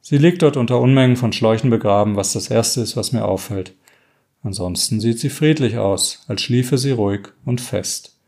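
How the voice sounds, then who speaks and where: Calm man reading a story aloud. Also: mid-range voice. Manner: calm, measured, corrects himself mid-reading. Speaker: story reader. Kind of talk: first-person story reading.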